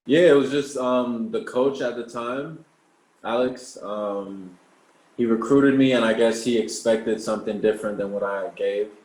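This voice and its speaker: In a rough recording from an echoey room, a man in his twenties speaks a little slowly at medium pitch. He's a professional basketball player raised in Australia who answers interview questions casually, often repeating words as he starts sentences.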